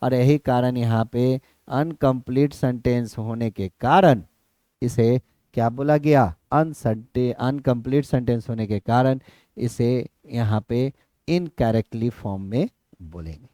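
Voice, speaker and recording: A man's voice: medium pitch, unhurried, dark tone, no room sound, studio quality. A male exam-prep teacher with a Bihari Hindi accent explains a lesson to students, repeating points and checking whether they understood.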